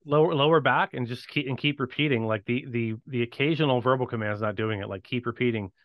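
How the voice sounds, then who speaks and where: A man co-hosting casual commentary on a video, steady and agreeable, asking questions. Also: mid-range voice, fast talker, dry recording, highs cut off. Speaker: co-host.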